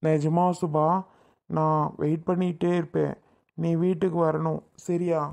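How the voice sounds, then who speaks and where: A woman's voice: low voice, level tone, unhurried, creaky, warm tone. A woman playing a tearful, pleading elder brother. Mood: calm. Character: emotional grown man, a doting elder brother. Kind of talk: family comedy skit acting.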